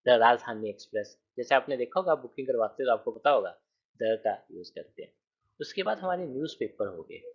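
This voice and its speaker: A man gives a grammar lesson in a husky voice. His pitch moves a lot as he counts through examples and checks that the class follows. The recording sounds dull and lo-fi. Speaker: teacher. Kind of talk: grammar lecture.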